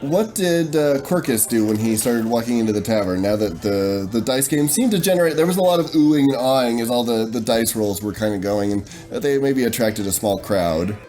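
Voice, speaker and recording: Man game master, casual narration, mid voice, quiet music underneath. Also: medium pitch, lively intonation, a little fast, few pauses, poor audio.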